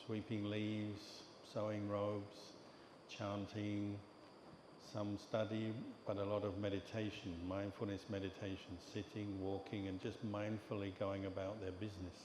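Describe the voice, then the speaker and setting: Older English monk teacher, calm measured talk, low flat voice. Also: male voice. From England. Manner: calm, measured storytelling with pauses. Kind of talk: dharma talk. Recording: echoey hall with long reverb and background noise.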